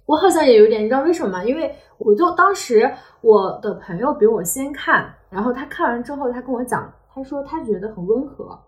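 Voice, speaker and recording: A woman co-hosting a casual podcast, telling stories in a quick, animated way and asking rhetorical questions. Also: on the high side. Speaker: podcast co-host.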